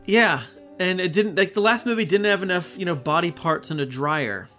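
A man co-hosting a film podcast, chatting casually with lively enthusiasm. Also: sits high, normal speed, soft background music. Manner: lively, laughs easily, enthusiastic. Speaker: podcast co-host.

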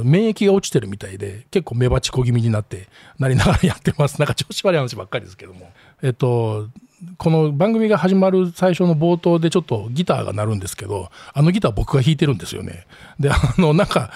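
Husky-voiced middle-aged man with Kansai accent. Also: mid-range voice, warm tone, no echo. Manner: rambling, self-deprecating, chuckles often. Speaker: podcast host. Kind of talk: relaxed solo chat. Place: small home office.

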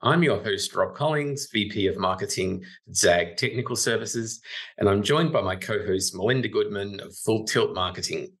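A man hosting a casual podcast interview, enthusiastic and easily excited. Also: fairly low pitch, moderate pace. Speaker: podcast host.

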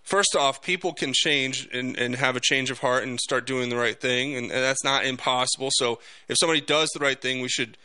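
A man hosting a political talk podcast, speaking off the cuff in a halting but emphatic monologue. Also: mid-range voice, bright, forceful tone, smooth, no echo.

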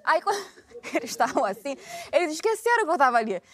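A woman with a Rio de Janeiro accent tells a story on a casual podcast. Her voice is high and her delivery quick. She acts out every voice she quotes with animation. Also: sing-song, a crowd in the background. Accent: Rio de Janeiro Portuguese. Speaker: guest storyteller.

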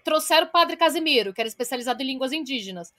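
Speaking in a high, animated voice that races along with a sharp tone, this podcast co-host recounts a story from her research. She's Brazilian, with a Brazilian Portuguese accent, and her delivery is blunt and casual, with a bit of swearing.

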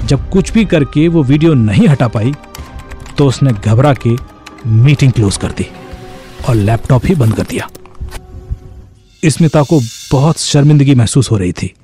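A man's voice: mid-range voice, expressive, measured pace, long pauses, warm tone, faint music behind. A man narrating a scripted suspense story in a dramatic way.

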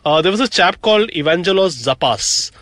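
A man's voice: high voice, expressive, brisk, fairly bright tone. A young man from South India co-hosting a podcast, telling history in a chatty, joking way with lots of "uh"s. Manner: chatty, jokey storyteller with frequent fillers. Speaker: podcast co-host. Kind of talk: casual chat.

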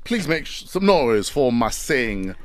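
A man's voice: mid-range voice, slow pace, crowd noise. A man hosting a breakfast radio show, chatting playfully with a studio guest. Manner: playful, animated interviewer. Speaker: radio host.

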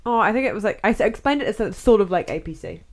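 Lively, exclamatory young woman co-host. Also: medium pitch, racing, slight background noise. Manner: filler-heavy, exclamatory. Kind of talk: casual chat.

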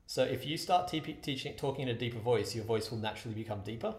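A man's voice: mid-range voice, fast talker. A man co-hosting a podcast in casual, playful chat, heard over a video call from an empty school hallway with a big hall echo. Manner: playful, teasing, chatty. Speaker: podcast co-host. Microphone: Skype video call.

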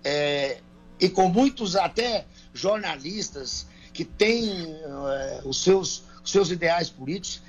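A man's voice: a little high, animated, takes it slowly, lo-fi sound, soft background music. A man from Brazil, a country singer answering interview questions in a folksy, colloquial way over a remote call. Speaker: guest singer. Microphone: remote call, phone or earbuds.

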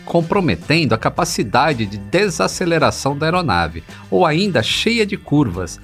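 Lively Brazilian man narrating a podcast. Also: medium pitch. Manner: playful, addresses listeners as passengers. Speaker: podcast host. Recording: background music. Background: music.

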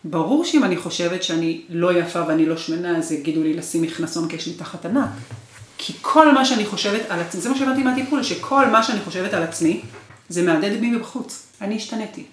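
A woman's voice: fairly low pitch, expressive. A woman in her forties in an interview, recounting her marriage with emotional, repetitive intensity. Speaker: guest. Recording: roomy echo.

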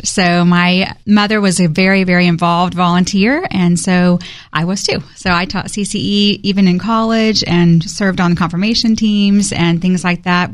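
A woman's voice: on the low side, smooth, no echo. A woman from Houston, a school superintendent, answering interview questions in a plain-spoken, proud way. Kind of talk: casual interview.

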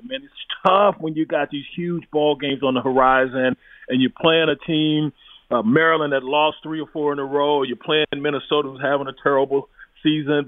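A man's voice: a little high, no echo. A man, a college football analyst, giving emphatic, blunt opinions as a guest on sports talk radio. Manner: emphatic, blunt, with restarts and chuckles. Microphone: phone line into studio. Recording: tinny phone line, dry.

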